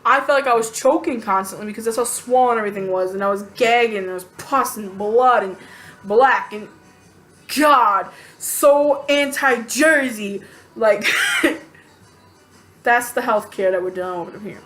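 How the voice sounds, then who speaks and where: Woman, casual vlogger. Animated, chatty, exasperated venting; voice on the higher side. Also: a little slow, faint music behind. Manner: animated, chatty, lots of fillers and acted-out quotes. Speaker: vlogger telling a personal story. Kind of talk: casual storytelling to camera.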